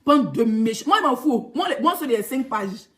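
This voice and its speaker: A woman's voice: a little high, expressive, normal speed, a little hiss or hum. A woman blogger with an Ivorian French accent, ranting in a heated, mocking vlog monologue. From Ivory Coast. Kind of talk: ranting social media vlog.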